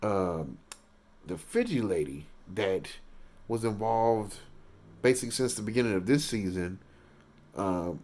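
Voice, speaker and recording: A man giving casual, rambling commentary on a TV episode, halting and restarting his sentences and getting excited at big moments. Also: low-pitched. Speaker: reaction video host.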